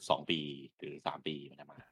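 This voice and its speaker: A young man co-hosting a casual gaming talk show, speaking bluntly with a wry, deliberate manner. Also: a bit bright, no echo, studio quality. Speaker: co-host of a gaming news show. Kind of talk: casual chat.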